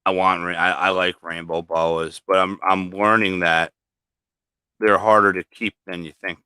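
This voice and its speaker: A man's voice: deep voice, little pitch movement, normal speed, bright, forceful tone, clear, resonant tone, no echo. A man hosting a livestream about breeding snakes, chatting casually, with frequent fillers and swearing. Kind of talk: casual chat.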